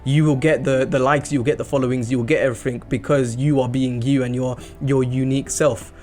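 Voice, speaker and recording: A man's voice: medium pitch, level tone, a little fast, a little mellow. Earnest man hosting a podcast. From England. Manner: earnest, restarts often. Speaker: podcast host. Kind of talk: casual podcast chat.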